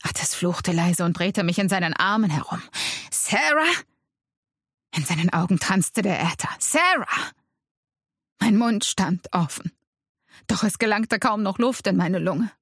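A woman's voice: lowish voice, moderate pace, slightly rough, no room sound. Woman narrator, dramatic first-person storytelling, dry close sound. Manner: dramatic, tense delivery. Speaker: audiobook narrator.

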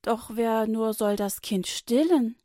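A woman's voice: a little high, slow, dry recording, studio quality. A woman voicing a young princess who is kind but used to giving orders, in a children's Bible story. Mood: decisive. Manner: warm, decisive, imperious.

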